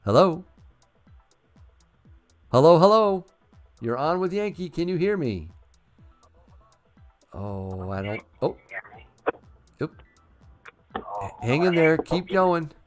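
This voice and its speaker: A man hosting a call-in livestream, ranting excitedly and laughing at himself. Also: on the high side, takes it slowly, long pauses, soft background music. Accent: New England. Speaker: livestream host. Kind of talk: casual call-in livestream talk.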